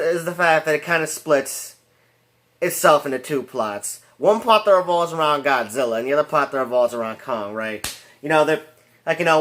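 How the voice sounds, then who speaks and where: A man talks through a movie review in a loose, rambling way, restarting sentences and piling on fillers. His voice sits a little high for a man. He gets animated and laughs at his own jokes. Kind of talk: casual spoken review.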